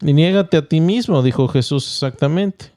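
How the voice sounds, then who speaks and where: Male pastor-host, mellow and resonant, measured teaching delivery with small restarts. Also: fairly high pitch, no echo, clean studio sound. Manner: explains point by point, checks in with listeners. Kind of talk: teaching podcast talk.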